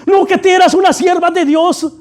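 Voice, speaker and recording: A man's voice: very high voice, steady tone, normal speed, darkish tone. A man voicing a mocking, gloating male devil who taunts a fallen believer, within a sermon.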